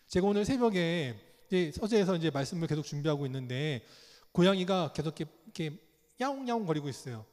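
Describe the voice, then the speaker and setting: Animated pastor preaching in a reverberant church. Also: male voice, a little high. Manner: lively storytelling, asks the congregation questions. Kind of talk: sermon. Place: church sanctuary. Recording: long reverb of a church hall.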